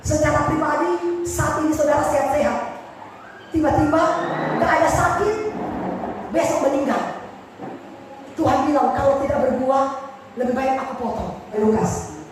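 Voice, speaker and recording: A woman pastor preaching a sermon with passion, swinging from soft pleading to shouted warnings. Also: sits high, moderate pace, pauses often. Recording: echoey hall, mic far off, noisy.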